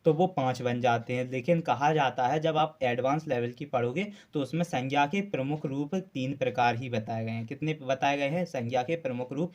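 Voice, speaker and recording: A man's voice: medium pitch, normal speed, few pauses, a little mellow. A male Hindi grammar teacher giving a classroom lecture for exam students, asking questions and answering them himself, repeating key terms, with frequent "uh" fillers.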